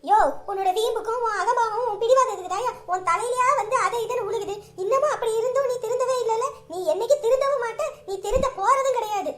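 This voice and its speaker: A woman's voice: very high-pitched, fast, hardly any pauses, fairly bright tone. A woman playing a fierce, scolding middle-aged mother who argues back at her stubborn husband. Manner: scolding, defiant.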